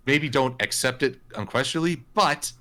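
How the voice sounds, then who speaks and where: A man on a discussion panel, explaining his points in a measured way. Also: mid-range voice, sharp tone.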